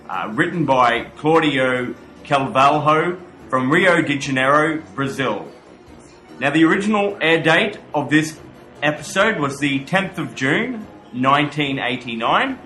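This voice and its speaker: A man's voice: medium pitch, bright, forceful tone, echoey room, poor audio. A man hosting a horror podcast, giving commentary with some horror-host flourishes.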